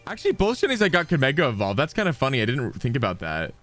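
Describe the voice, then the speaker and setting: A man streams a game and chats to his viewers in a loose, excitable, rambling way, his voice sitting at an ordinary middle pitch. Faint game music plays softly behind him. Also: fast. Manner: chatty, excitable, rambling asides. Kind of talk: casual gameplay chat with viewers.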